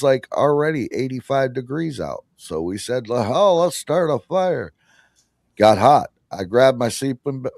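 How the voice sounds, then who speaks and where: A man's voice: medium pitch, a little mellow, no room sound. A man hosting a podcast, telling a rambling story in casual chat, interrupting himself and laughing often. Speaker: podcast host.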